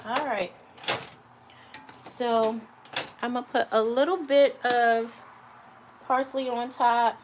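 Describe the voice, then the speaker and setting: Woman, somewhat high voice, casual live cooking chat, relaxed and chatty, faint background noise. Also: takes it slowly, long pauses. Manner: chatty, relaxed, talks to viewers, calls them honey and guys. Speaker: home cook streaming live.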